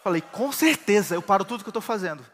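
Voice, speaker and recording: High-voiced preaching pastor. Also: male voice, lively intonation, quick pace, big-room sound, slight background noise. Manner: preaching with rising shouts of praise. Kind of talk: sermon.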